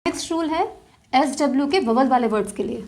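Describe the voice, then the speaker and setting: A woman teaching shorthand step by step, patiently repeating rules and slowly drawing out example words, with terms. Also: high-pitched, darkish tone. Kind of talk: step-by-step tutorial explanation.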